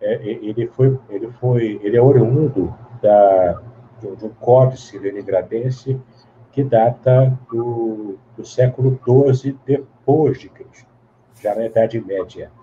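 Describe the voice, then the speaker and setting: A man's voice: mid-range voice, slow pace, mellow. A man, explaining at length as an interview guest, in a teacherly way with many tag questions and restarts. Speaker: guest Bible scholar. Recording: dull lo-fi sound with faint hiss.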